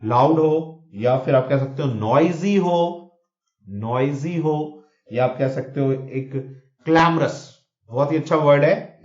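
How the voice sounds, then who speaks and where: A man teaching vocabulary in a mix of Hindi and English, repeating words and checking in with students. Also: on the high side. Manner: explains with mnemonics, repeats words, frequent "theek hai na?" checks. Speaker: exam coaching teacher. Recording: echoey room, dull lo-fi sound.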